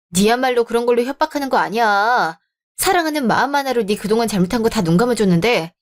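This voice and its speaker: A woman as a firm, fed-up young bride. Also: a little high. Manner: firm, cold resolve. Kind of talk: Korean story-channel radio drama reading.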